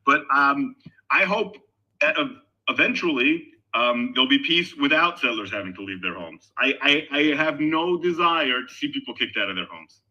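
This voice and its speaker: Animated, bright-voiced Israeli-born man. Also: medium pitch, normal speed, muffled recording. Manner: animated, emphatic, with frequent restarts. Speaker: guest in an online discussion. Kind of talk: casual debate talk. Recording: voice call on a discussion server.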